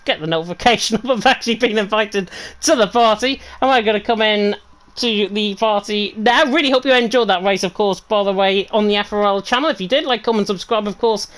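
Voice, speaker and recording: A woman gives chatty, upbeat live commentary for an online racing league, running through the results in this esports broadcast. Her voice is mid-range and fairly quick, and the recording is low quality.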